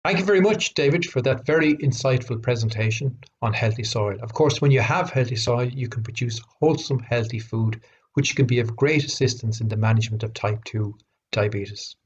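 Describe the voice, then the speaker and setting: A man's voice: mid-range voice, a little fast, slight background noise. Man hosting, dull lo-fi recording. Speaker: event host. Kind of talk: formal introduction of speakers. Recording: dull, lo-fi sound.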